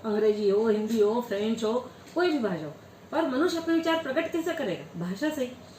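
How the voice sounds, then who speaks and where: A woman's voice: sits high, darkish tone, a little hiss or hum. A woman giving a Hindi law lecture, asking questions and answering them herself. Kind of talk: classroom lecture. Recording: echoey room with faint ambience.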